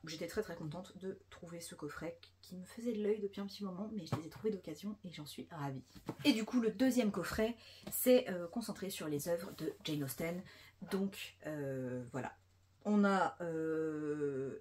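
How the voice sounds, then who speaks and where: A book vlogger chats casually and enthusiastically about new books, using lots of fillers and mentioning she's a bit tired. Her voice is lowish and a little mellow, with slight background noise.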